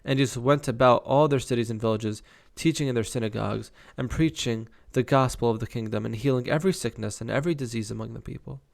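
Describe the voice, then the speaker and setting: A man's voice: medium pitch, quick pace, vocal fry, few pauses. A young man reading Bible verses aloud and breaking off to comment casually on them. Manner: reads scripture aloud, stops to comment casually.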